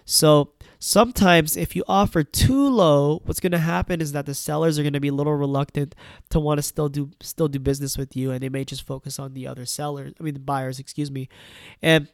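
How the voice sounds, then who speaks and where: A man's voice: a little high, steady tone, fairly quick, gravelly, no echo, clean studio sound. A man who works in real estate, sounding stuffed up from a cold, gives casual advice and keeps checking in with "right?" and "you know.". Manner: conversational, tags points with "right?" and "you know". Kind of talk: casual advice talk to camera.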